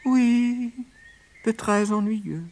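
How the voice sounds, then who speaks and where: A man voicing a mischievous little male rabbit trickster in a storybook, teasing and excitable. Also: high-pitched, extremely slow, a little hiss or hum, voice pushed up, exaggerated voice. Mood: sly.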